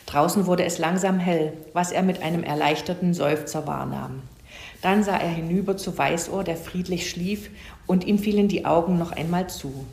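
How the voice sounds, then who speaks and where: A woman narrating a children's animal story, gently voicing each character. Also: fairly low pitch, normal speed, creaky. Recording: roomy echo.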